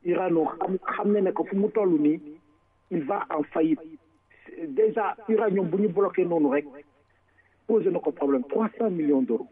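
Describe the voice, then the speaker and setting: A man's voice: high-pitched, normal speed. Emphatic Senegalese man on a tinny line. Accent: Senegalese French. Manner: switches between Wolof and French mid-sentence; forceful and emphatic, repeating words. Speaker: commentator. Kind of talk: political commentary. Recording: tinny phone-line sound.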